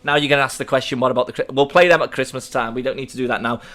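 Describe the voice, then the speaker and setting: A man's voice: medium pitch, fairly even intonation, rapid-fire, pushed and bright. A man in his thirties co-hosting a casual chat podcast, joking and laughing often. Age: 30s. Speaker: podcast co-host.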